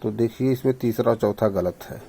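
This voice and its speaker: A man's voice: on the low side, normal speed, creaky, warm tone, slight background noise. A male teacher going through exam questions on correct usage, explaining each answer step by step. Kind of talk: exam prep lesson.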